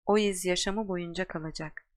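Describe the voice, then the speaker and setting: A woman voicing a calm old wizard headmaster. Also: on the low side, close to an everyday voice. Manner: calm, unhurried, gently wry.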